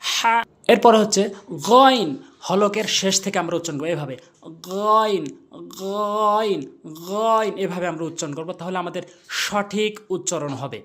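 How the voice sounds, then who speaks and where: A man teaching Quran pronunciation, explaining where each letter is formed and repeating the sounds slowly to demonstrate them. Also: sits high, a bit bright. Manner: slow and repetitive, demonstrating each letter sound several times. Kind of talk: step-by-step pronunciation lesson.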